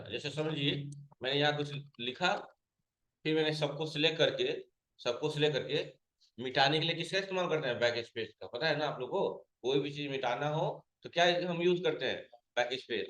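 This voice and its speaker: A man's voice: on the high side, brisk, fairly bright tone, reverberant, low-quality recording. A man teaching a computer class, asking his students questions and then answering them himself, repeating each key point. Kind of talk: classroom lesson.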